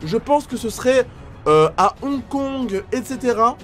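A man reacting to videos as a YouTuber, giving excited commentary full of exclamations and gasps. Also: extremely high pitch, a little slow.

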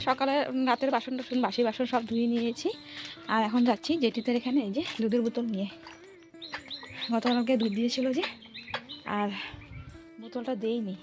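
A woman's voice: fairly high pitch, steady tone, fairly quick, long pauses, music in the background. A young woman chatting to her viewers as she shows her household chores in a village home, filming on a phone. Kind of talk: casual vlog talk to viewers. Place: village home, partly outdoors.

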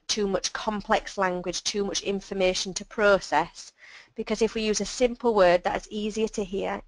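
A woman presenting a webinar on child speech and language, explaining patiently and clearly with simple examples. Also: mid-range voice, no room sound, poor audio.

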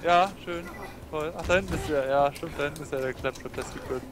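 Fairly high male voice, sarcastic gamer, faint noise in background. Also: quick pace. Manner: exasperated, sarcastic griping about glitches. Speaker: co-op player. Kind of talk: casual gameplay commentary.

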